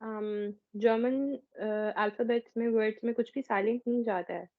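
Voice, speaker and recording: A woman's voice: fairly high pitch, steady tone, moderate pace. A woman student asking hesitant questions during an online class. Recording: dull distant call audio.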